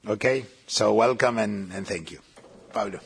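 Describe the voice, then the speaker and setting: A man moderating a panel, introducing speakers with many fillers and pauses. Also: lowish voice, gravelly, husky. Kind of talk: formal event introductions.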